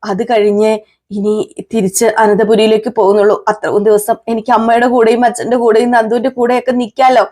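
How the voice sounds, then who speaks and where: A brave young woman lies in a hospital bed, calming her worried family in a soft, reassuring tone, as a woman reviewer reads her lines. Her voice sits a little high. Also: brisk, natural voice.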